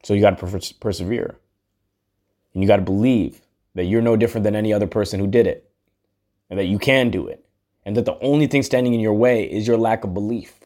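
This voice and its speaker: A man's voice: on the low side, fairly quick, mellow. A man hosting a podcast, talking in a casual, earnest, rambling monologue and swearing freely. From United States. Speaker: podcast host.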